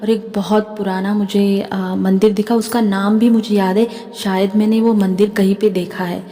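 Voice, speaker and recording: A woman's voice: mid-range voice, level tone, moderate pace, warm tone, big-room sound. A woman with an Indian accent, a spiritual healer and tarot reader, talking to camera in a chatty way and often checking in with her listeners. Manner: chatty, keeps adding "theek hai". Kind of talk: spiritual channeling talk to camera.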